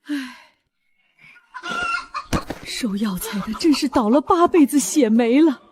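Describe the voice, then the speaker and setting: A long-suffering village mother in a comic costume drama. She grumbles and wails at an extremely high pitch with big swoops, over slight noise. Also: animated, slow pace, darkish tone. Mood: exasperated. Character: long-suffering, exasperated village mother, dreading her daughter.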